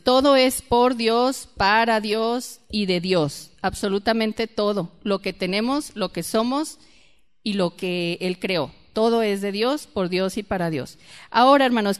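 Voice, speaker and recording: A woman's voice: mid-range voice, unhurried, clear, resonant tone. A woman teaching a church Bible class, often quizzing the group and repeating her key points. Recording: reverberant hall.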